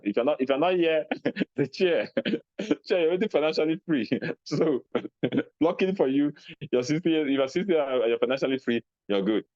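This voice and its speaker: A man with a Nigerian accent giving a motivational talk, animated, acting out little scenes in a raised voice. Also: mid-range voice, no room sound, lo-fi sound. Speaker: speaker on personal finance.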